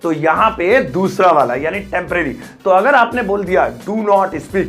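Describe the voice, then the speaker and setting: A man's voice: high voice, expressive, moderate pace, a bit bright, faint music behind. An Indian man teaching English in Hindi, talking chattily and acting out little scenes with friends and pupils. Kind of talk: Hindi-language English lesson to camera.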